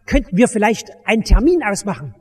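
A preacher doing a timid, overly polite pastor. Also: male voice, high-pitched, big pitch swings, brisk, slightly rough, heavily acted. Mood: hedging. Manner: timid, hedging and formal. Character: fussy, overly polite modern male pastor. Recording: echoey church hall.

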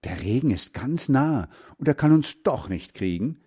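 Brief: man doing a high, indignant storybook boy, animated. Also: moderate pace, slightly rough. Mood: pleased. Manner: scolding, indignant. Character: stubborn boy who protects ducklings. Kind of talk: storybook reading.

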